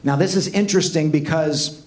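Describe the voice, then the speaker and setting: Earnest guy giving a sermon to kids, slightly high voice, keeps asking them questions. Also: normal speed. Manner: earnest, emphatic, rhetorical questions. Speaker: preacher addressing students.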